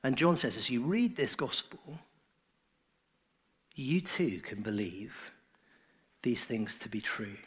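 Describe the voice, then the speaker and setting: A man preaching a sermon in an earnest, emphatic way, his phrases often trailing off softly. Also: mid-range voice, lively intonation, slow pace, pauses often, husky.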